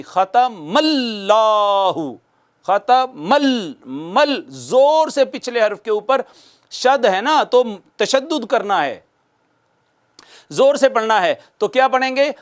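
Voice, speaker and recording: A man with a high, smooth, resonant voice giving a televised recitation lesson. He draws out each verse word slowly, then explains the rules. He asks his viewers questions and answers them himself. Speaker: Quran recitation teacher. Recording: studio broadcast.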